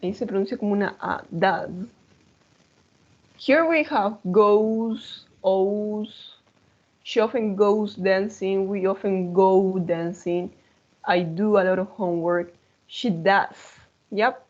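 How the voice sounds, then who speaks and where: Slow, patient woman teacher on a call. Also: medium pitch, fairly even intonation, darkish tone. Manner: patient, models words and switches into Spanish to explain. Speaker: English teacher. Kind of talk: online class instruction. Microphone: video call. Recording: dull lo-fi call audio.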